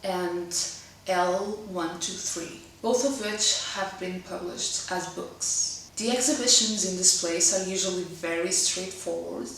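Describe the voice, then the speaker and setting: A Portuguese woman in her twenties hosts a casual web series in English, her second language, speaking with a Portuguese accent. Her fairly low, fairly bright voice moves at a measured pace, careful with occasional hesitations. The mic is distant, giving roomy echo plus a little hiss or hum.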